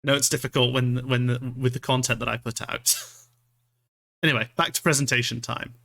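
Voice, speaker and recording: Bright-voiced man from Scotland, casual streamer. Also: medium pitch, fairly even intonation, a little fast, creaky. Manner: rambling, self-deprecating, swears casually. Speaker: streamer, VTuber. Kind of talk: casual livestream chat.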